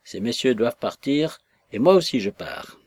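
A man's voice: medium pitch, lively intonation, moderate pace, darkish tone, husky, no room sound. A man voicing a jovial, glib young man who talks with a hearty laugh.

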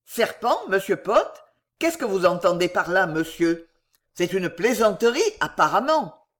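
A woman voicing an offended gentleman guest in an audiobook, firing back heated, protesting questions. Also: medium pitch, expressive, a little slow, lightly acted. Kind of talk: audiobook character voice.

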